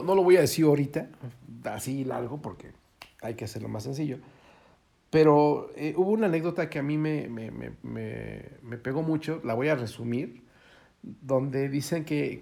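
A man's voice: a little high, creaky, a little mellow. A man preaching casually, folksy and joking, acting out little quoted voices. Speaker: pastor.

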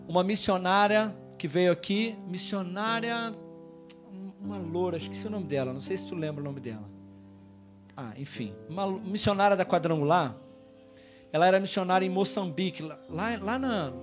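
A man preaching as a pastor, exhorting the congregation and swinging between loud emphasis and soft asides. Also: sits high. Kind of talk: sermon.

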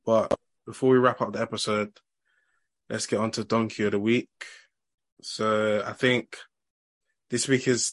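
A man with a lowish, slightly bright voice hosts an easygoing football podcast. His speech carries a London multicultural roadman accent and plenty of slang.

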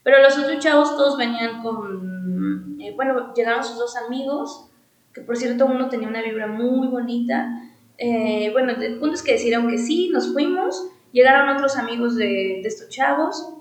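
A woman's voice: fairly high pitch, normal speed, reverberant, rough recording. A young woman with a Mexico City Spanish accent hosting a podcast, telling a personal story in a rambling, slangy way full of fillers. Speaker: podcast host.

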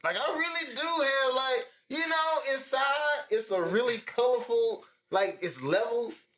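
A man's voice: very high voice, a little slow, a bit bright. A man co-hosting a podcast, laid-back and joking, who calls himself nonchalant. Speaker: podcast co-host. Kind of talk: casual chat.

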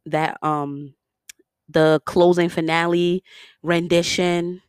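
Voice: mid-range voice, clear, resonant tone, no room sound, clean studio sound. A speaker with a New York accent giving casual, opinionated commentary with sassy, slangy asides. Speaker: vlogger reviewing a biopic series.

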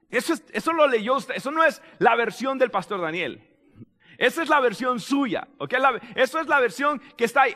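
High-pitched, shouting male preacher in a hall. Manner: animated preaching with shouts and mimicry. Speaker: pastor. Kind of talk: sermon.

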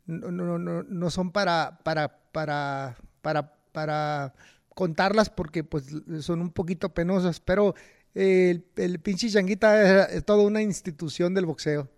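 A man's voice: sits high, measured pace, a little mellow. A man with a Mexican accent in casual chat, often repeating words as he talks.

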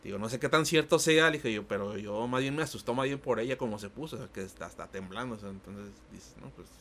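A man's voice: medium pitch, fast talker, fairly bright tone, a little hiss or hum. A man with a Mexican Spanish accent telling an anecdote in a casual podcast chat, rambling with many fillers. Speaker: podcast co-host.

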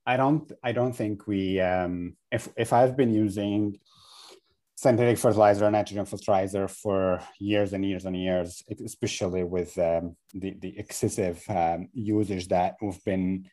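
A man from Egypt, a guest in a podcast interview, speaking in a halting way with many fillers and restarts. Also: low voice, fairly even intonation, warm tone. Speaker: guest, regenerative agriculture advocate.

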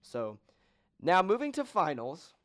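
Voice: mid-range voice, huge pitch swings, a little slow. A podcast host in casual chat, joking and running through long lists of results with many ums.

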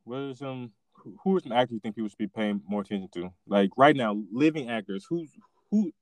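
A man's voice: medium pitch, a little fast, no echo. A man hosting a casual film discussion, often restarting his sentences and feeling his way through thoughts. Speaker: host asking questions.

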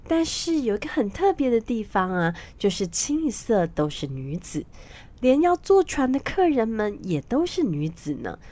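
A woman narrating a storybook tale for children in an expressive, sing-song manner. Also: medium pitch.

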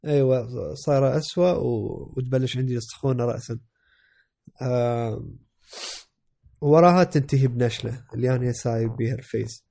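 Iraqi male co-host, sick and stuffed-up, mellow creaky voice, halting casual chat. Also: medium pitch. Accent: Iraqi Arabic. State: sick with a cold, congested, voice affected. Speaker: podcast co-host.

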